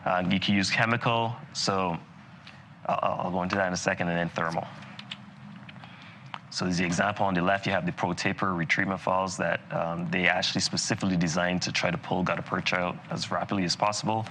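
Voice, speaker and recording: During a live continuing-education lecture for dentists, a man from Barbados speaks briskly in a very low, bright, forceful voice. His style is relaxed and chatty, packed with fillers and asides, and faint noise runs beneath it.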